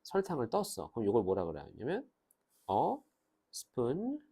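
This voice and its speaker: A man teaching English grammar in a lively lecture, pausing to say English phrases slowly and clearly. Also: mid-range voice. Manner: animated, switches between Korean and slow, drawn-out English phrases.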